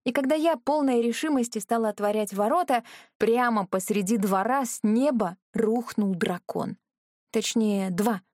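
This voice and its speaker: A woman reading a first-person fantasy audiobook in a measured, earnest way. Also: fairly high pitch, a little mellow, no room sound, studio quality. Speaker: audiobook narrator.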